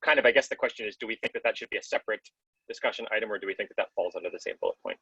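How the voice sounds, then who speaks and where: A man's voice: fairly low pitch, very fast, vocal fry, bright, forceful tone, breathy edge, no room sound. A man in a casual video-call meeting, talking with many fillers while he eats breakfast. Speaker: working group participant. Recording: dull lo-fi call audio.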